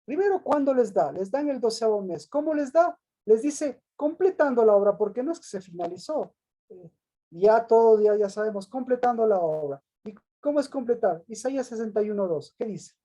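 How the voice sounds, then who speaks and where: A man's voice: very high voice, lively intonation, normal speed, mellow. A male pastor giving an interactive Bible lesson who reads scripture aloud, asks questions, calls on people by name and repeats their answers back.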